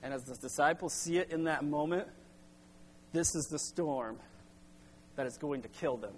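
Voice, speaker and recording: A middle-aged man preaching a sermon as pastor, halting with restarts, then pressing into emphatic bursts. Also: fairly high pitch, slight background noise. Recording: long hall reverb.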